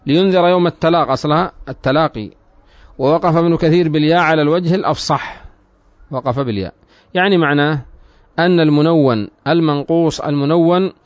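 A man's voice: on the high side, dry recording. A man teaching Arabic grammar in a class, reading a text aloud and then explaining it, asking his students questions and often repeating himself. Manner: repeats himself and restarts phrases. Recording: dull, lo-fi recording.

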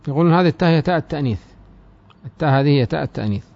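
A man teaching a classical Arabic grammar lesson. He reads the text slowly and deliberately, then explains it more quickly and quietly, asking his students questions. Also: a little high, lively intonation, creaky. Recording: dry, dull lo-fi recording.

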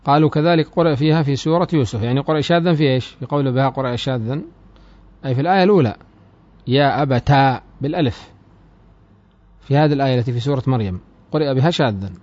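A man teaching a classical Arabic grammar lesson. He reads the text slowly and deliberately, then explains it more quickly and quietly, asking his students questions. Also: medium pitch. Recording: dry, dull lo-fi recording.

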